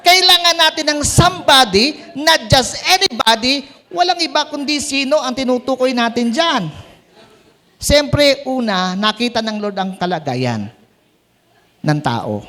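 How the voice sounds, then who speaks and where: A man with a high voice leads a church prayer meeting. He preaches in an animated way, quizzing the room and joking as he goes. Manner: animated, asks the congregation questions and jokes. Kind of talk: Tagalog sermon at a prayer meeting.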